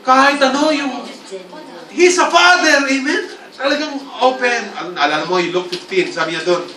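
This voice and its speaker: A male pastor giving a lively church sermon, often calling out for the congregation's response. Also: extremely high pitch, moderate pace. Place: church hall. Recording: roomy hall, distant mic, congregation sounds.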